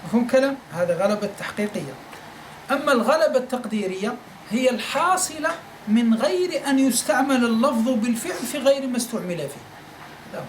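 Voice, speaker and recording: A man's voice: extremely high pitch, lively intonation, a little fast. Man teaching in an echoey room. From Algeria. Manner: repeats points, keeps asking listeners if they follow. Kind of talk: classroom lecture. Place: study circle room. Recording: echoey room, faint noise.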